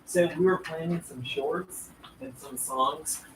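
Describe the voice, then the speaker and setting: A man hosting a casual live stream, rambling through upbeat shout-outs to his viewers. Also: fairly high pitch, slow pace. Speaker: livestream host. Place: roadside station, partly outdoors. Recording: roomy, distant, noisy live stream.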